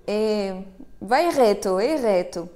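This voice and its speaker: A woman teaching useful travel phrases in a patient spoken lesson, repeating each phrase slowly. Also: mid-range voice, a little mellow. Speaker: language teacher.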